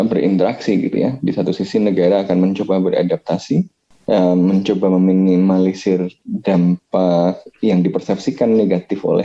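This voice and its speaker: Dark-voiced man, thoughtful and hesitant. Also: deep voice, vocal fry, dull audio. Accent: Indonesian. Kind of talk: casual discussion.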